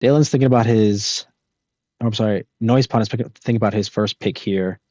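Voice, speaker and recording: A man with a low voice calls the action of a board game match as host, breaking down options with an easy laugh. His voice sits close and dry on a slightly dull microphone. The delivery is relaxed and analytical. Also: brisk, dry recording. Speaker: commentator and host. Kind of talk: live game commentary.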